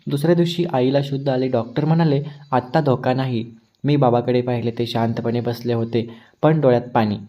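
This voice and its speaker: A man narrating an emotional first-person story in an earnest, measured way, speaking to his listeners as friends. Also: mid-range voice, fairly even intonation, lo-fi sound.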